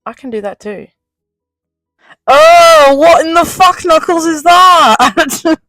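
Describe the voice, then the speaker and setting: A young woman, co-hosting a casual podcast. She laughs in loud bursts and swears casually. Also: very high-pitched, slow, no echo, soft background music. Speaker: podcast co-host. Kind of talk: casual chat.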